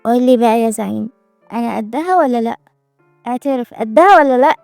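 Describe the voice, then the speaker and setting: Brief: a woman doing a cheeky, defiant young heroine, Egyptian accent, fast and a bit high. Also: creaky, dark tone, dry recording, soft background music. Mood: sassy. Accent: Egyptian Arabic. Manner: teasing, defiant.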